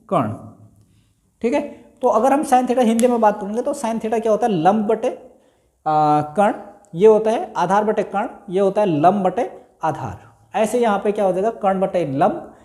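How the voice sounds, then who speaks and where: A male maths teacher with a lively, rising and falling voice, working through a lesson at the board. He says each key term twice, slowly, quizzing his students with the answer. The sound is roomy with a clear echo. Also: sits high. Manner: repeats key terms slowly, quizzing himself aloud.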